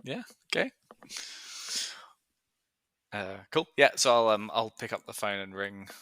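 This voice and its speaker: A man's voice: on the low side, expressive, unhurried, pushed and bright, dry recording. A man, a player in a tabletop game, talking in a hesitant casual way with many fillers. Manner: hesitant, lots of fillers, laughing asides.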